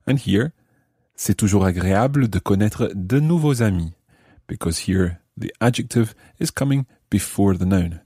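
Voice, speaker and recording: A man's voice: deep voice, warm tone, slightly rough, dry recording, studio quality. A man hosting a podcast grammar lesson, explaining patiently and step by step. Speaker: language teacher.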